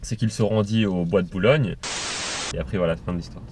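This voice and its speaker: A man's voice: deep voice, fairly quick, background noise. A drunk man chatting casually, muddled and repeating himself as he cuts in with interjections.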